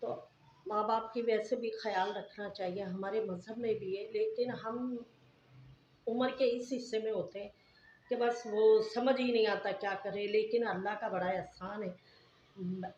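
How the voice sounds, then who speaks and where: A woman's voice: medium pitch, a little mellow, a little hiss or hum. A middle-aged woman vlogger telling a family story to her viewers in a casual, earnest, moralizing way. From Pakistan. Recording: echoey, dull lo-fi home recording.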